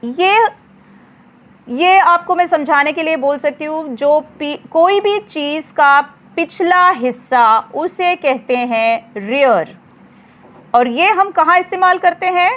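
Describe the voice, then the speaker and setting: A high-voiced woman with an animated, fairly bright tone works slowly through English vocabulary. She spells every word letter by letter, then says it again.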